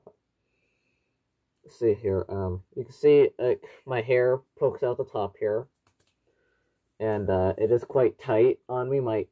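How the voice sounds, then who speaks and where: Young man talking through a gas mask. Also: medium pitch. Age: young adult. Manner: rambling, explanatory. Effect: muffled through a gas mask. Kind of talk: casual hands-on product review. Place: small living room at home, indoors.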